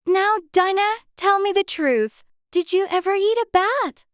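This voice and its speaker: A woman's voice: extremely high pitch, a little slow, no echo, clean studio sound. A woman playing a curious, chatty little girl who muses aloud in an earnest, prim way for an audiobook. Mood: dreamy, earnest. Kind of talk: dramatized audiobook character acting.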